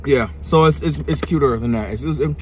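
A man's voice: medium pitch, fairly quick, darkish tone, slight background noise. Man talking with his mouth full. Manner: slangy, laid-back, thinking aloud between bites. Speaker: food reviewer. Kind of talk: casual food review vlog.

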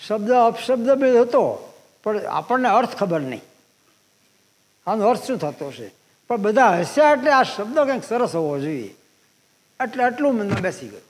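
High-voiced man in his eighties. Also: very animated. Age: 80s. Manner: unhurried anecdotal storytelling, pausing and repeating phrases. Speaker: guest speaker at a public talk. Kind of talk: storytelling talk to an audience. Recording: long hall reverb.

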